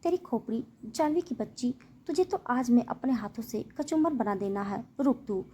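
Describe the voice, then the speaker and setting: A woman's voice: fairly high pitch, lively intonation, normal speed, dark tone, a little hiss or hum, lightly acted. A woman voicing a hot-tempered girl who furiously threatens her younger sister. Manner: fiery, threatening.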